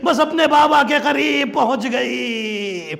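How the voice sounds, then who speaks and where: A man's voice: extremely high pitch, vocal fry, fairly bright tone. A man leading a mourning gathering, preaching with passion and rising into a wailing chant. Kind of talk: Urdu majlis sermon with mourning recitation. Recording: long hall reverb.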